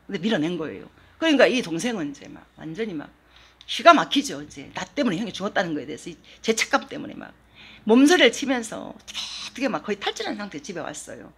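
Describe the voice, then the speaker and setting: Husky woman preaching a sermon. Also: mid-range voice, big pitch swings, fast. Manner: swings from hushed, near-whispered storytelling to emphatic preaching. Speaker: pastor. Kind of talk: storytelling sermon.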